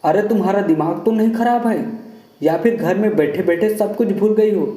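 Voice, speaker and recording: A man's voice: high-pitched, moderate pace, dark tone, lightly acted. A man voicing an irritable young husband who scolds in a harsh tone. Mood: angry. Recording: roomy echo.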